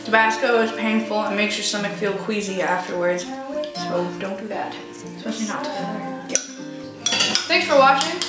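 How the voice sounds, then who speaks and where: A woman's voice: mid-range voice, normal speed, pauses often, loud music behind the voice. Young woman in a very echoey kitchen. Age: young adult. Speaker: vlogger, challenge co-host. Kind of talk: casual chat. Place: indoors, home kitchen. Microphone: camera mic a few feet away. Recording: echoey kitchen, far mic, background noise.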